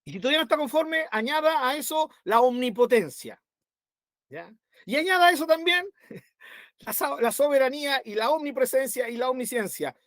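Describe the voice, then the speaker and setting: A man's voice: extremely high pitch, a bit bright, no room sound, clean studio sound. A man teaching a Bible study to his congregation, conversational, with constant rhetorical tag questions.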